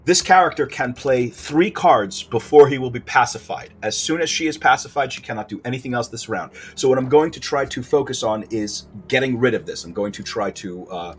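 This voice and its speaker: A man's voice: mid-range voice, fairly quick, hardly any pauses, faint music behind. A man doing casual let's play commentary, explaining his strategy card by card, with fillers and self-corrections along the way. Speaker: gameplay commentator.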